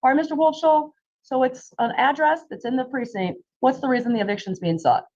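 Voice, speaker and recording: A woman presiding as a judge at a hearing, brisk and authoritative, heard over a video conference call. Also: high-pitched, a little mellow. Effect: video conference call audio. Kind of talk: formal court hearing. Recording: dull, muffled call audio.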